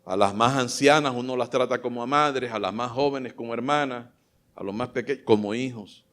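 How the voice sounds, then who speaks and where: A man preaching a sermon as pastor, fervent, swinging between loud exclamations and soft asides. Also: mid-range voice, normal speed.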